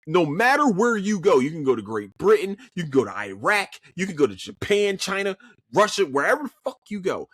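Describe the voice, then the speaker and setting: In a studio-quality recording without room sound, a husky, high-pitched man with a Philadelphia accent talks fairly quickly on his solo podcast. He casually reviews shows he's seen, animated and cursing freely, often restarting sentences and stammering repeats.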